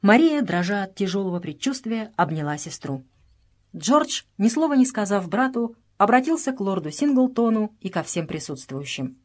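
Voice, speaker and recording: A woman narrating a novel in a measured, expressive reading voice. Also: medium pitch.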